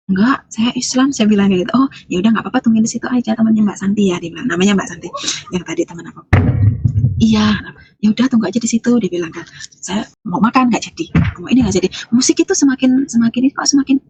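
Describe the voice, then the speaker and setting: A woman's voice: on the high side, rapid-fire, a little mellow, husky, dry recording. A woman from Lampung, Indonesia, giving a conversational faith testimony as an interview guest. She rambles with fillers and restarts, and acts out both sides of the conversations she recalls. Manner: retells events by acting out both sides of the dialogue. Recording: dull, muffled lo-fi recording.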